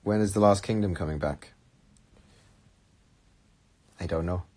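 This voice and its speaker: Young man, deep husky voice, casual chat, phone held at arm's length, small room. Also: measured pace. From England. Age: young adult. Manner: chatty and animated, reads out viewer comments. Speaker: livestream host answering viewer questions. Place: small room indoors, seated on red sofa.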